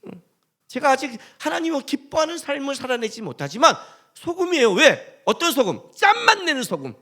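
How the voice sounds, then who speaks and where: Male pastor, high bright voice, animated and jokey, preaching in casual spoken language. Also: a little fast. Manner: animated, joking, colloquial storytelling with acted quotes. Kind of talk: sermon.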